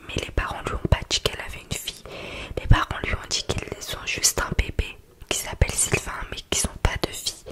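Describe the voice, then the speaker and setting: A woman telling a story in a soft, breathy library whisper, ASMR style, in an informal and hesitant conversational manner. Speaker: ASMR video creator.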